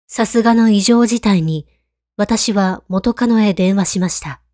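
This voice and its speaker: Woman reading scary stories, hushed n creepy, soft dark voice, really dry recording. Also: mid-range voice, measured pace, no echo. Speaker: ghost story narrator. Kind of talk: scripted horror story narration.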